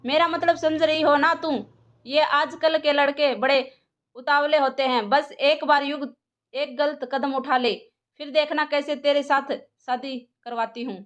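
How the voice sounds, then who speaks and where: High-pitched scolding mom, bossy and scheming, woman doing the voice in a hindi audio story. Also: steady tone, unhurried, fairly bright tone, muffled recording. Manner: scolding, domineering. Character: scheming, bossy middle-aged mother.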